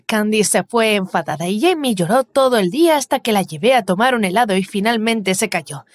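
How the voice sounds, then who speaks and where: A woman narrating a first-person animated story in an even storytelling voice. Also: mid-range voice, a little fast.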